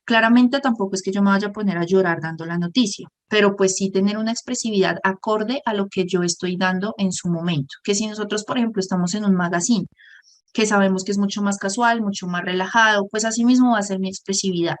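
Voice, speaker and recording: A woman, teaching a workshop lesson on speaking skills in an explanatory way, often pausing to give examples. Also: mid-range voice, fairly even intonation. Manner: explanatory, often pauses on "por ejemplo". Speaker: communication workshop instructor. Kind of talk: online lesson.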